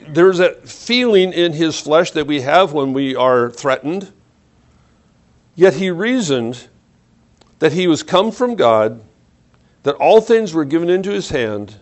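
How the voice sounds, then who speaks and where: A man's voice: expressive, measured pace. Man preaching a reflective sermon. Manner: reflective, varies pace and loudness, drops low on key points. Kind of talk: sermon with scripture reading.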